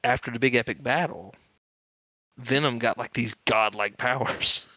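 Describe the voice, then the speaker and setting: A man's voice: medium pitch, dry recording, dull audio. A man co-hosting a podcast, chatting casually and eagerly about comic book stories. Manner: excitable fan, talks fast with many fillers. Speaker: podcast co-host. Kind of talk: casual chat.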